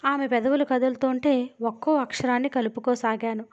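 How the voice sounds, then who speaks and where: A woman narrating a novel as an audiobook, with steady and expressive storytelling. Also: sits high, brisk. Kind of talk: dramatic novel reading. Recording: dull lo-fi audio.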